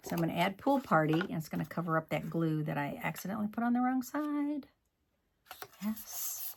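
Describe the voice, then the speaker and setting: A man's voice: fairly high pitch, vocal fry, fairly bright tone, a little hiss or hum. A man demonstrating card-making in a chatty tutorial, scolding himself and muttering asides as he works. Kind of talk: crafting tutorial.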